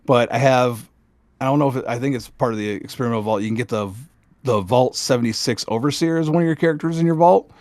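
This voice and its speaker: A middle-aged man chats as co-host of a gaming podcast. He sounds animated, laughs easily and keeps restarting sentences. His voice sits at an ordinary pitch, and the recording is dry and close. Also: fast talker, dry recording. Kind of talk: casual gaming chat.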